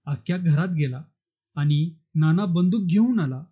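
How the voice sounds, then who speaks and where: A man reading a novel aloud in a steady storytelling manner. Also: on the high side, a little slow, husky, lo-fi sound. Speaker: audiobook narrator.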